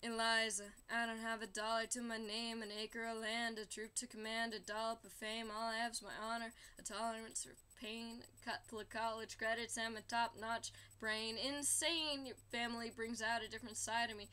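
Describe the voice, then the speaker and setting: A woman voicing a brash young male revolutionary, rapping rapidly in a lowered voice along to a musical. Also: level tone, bright, forceful tone, clear, resonant tone. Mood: cocky. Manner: rapid rapping, low put-on voice.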